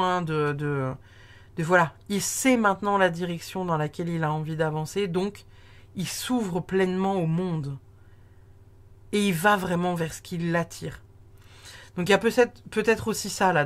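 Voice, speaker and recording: Woman tarot reader, lowish voice, rambling friendly delivery full of fillers. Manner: chatty, many fillers and restarts. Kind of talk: casual spoken tarot reading.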